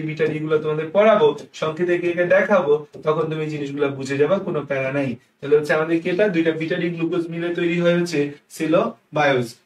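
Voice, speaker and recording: Young bangladeshi guy teaching biology, asks and answers his own questions, sounds a bit far from the mic. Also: high-pitched. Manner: drills terms with call-and-response questions. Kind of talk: online exam-prep lecture. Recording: echoey room, mic set back.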